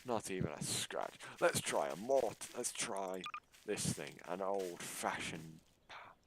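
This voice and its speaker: A man's voice: sits low, expressive, takes it slowly, noisy background. A man giving casual, sarcastic, mock-boastful commentary over his own gameplay. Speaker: gaming YouTuber.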